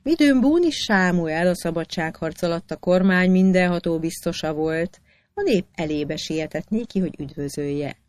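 A narrator reading historical anecdotes aloud in an even storytelling manner. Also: medium pitch, dry recording.

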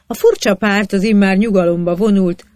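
A narrator reading historical anecdotes aloud with a measured storytelling cadence. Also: medium pitch, fairly even intonation, a little mellow, no echo.

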